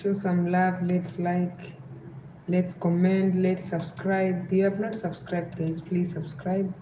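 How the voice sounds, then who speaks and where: On her casual livestream, a young woman with a Western Kenyan accent talks slowly and flatly in a somewhat low voice. Again and again she urges viewers to like and subscribe, while the echoey room picks up clear background noise.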